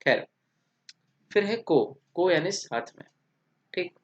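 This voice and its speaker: Indian male teacher, slightly high voice, patient step-by-step explainer, dull recording. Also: lively intonation, takes it slowly. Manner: explains step by step, asks "theek?" often. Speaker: English teacher. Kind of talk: classroom lecture.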